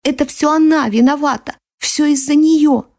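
A grief-stricken young boy shrieks accusations between sobs, his voice pitched high and cracking with despair, as a woman narrator puts him on. The reading is close and dry, with no room sound. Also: normal speed, no echo. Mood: screaming accusation. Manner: shrill sobbing shouts. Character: grieving young boy, hysterical, screaming blame. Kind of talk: audiobook character voice.

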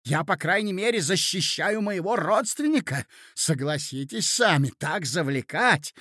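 A man voicing a young gentleman who speaks in a measured, reasoning way, trying to stay calm. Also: high-pitched, no room sound, studio quality, pitched above the performer's own voice, full character voice. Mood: indignant. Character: young gentleman nephew, nervous but composed.

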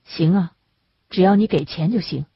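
A woman's voice: on the low side, moderate pace, husky, no echo. A woman reader voicing a poor working man who speaks plainly and colloquially, muttering some asides. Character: poor laborer man, blunt then kindly. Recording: dull lo-fi dry recording.

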